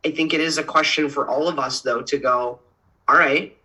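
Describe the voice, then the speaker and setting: A woman's voice: low voice, steady tone, brisk, bright, forceful tone, husky, low-quality recording. A woman speaking at a public policy council meeting, pressing her questions and repeating key phrases for emphasis. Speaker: council member.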